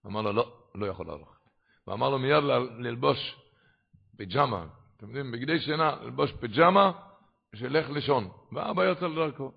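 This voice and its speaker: Man, gravelly rabbi preaching, stories told with bursts of loud animation, dull lo-fi sound. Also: mid-range voice, animated. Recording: dull lo-fi recording.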